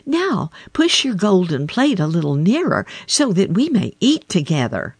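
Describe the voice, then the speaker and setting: A woman voicing a small, persistent male frog in a storybook reading, calling out in a high, plaintive voice. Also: wildly swooping pitch, unhurried, breathy edge, no room sound, full character voice. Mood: insistent.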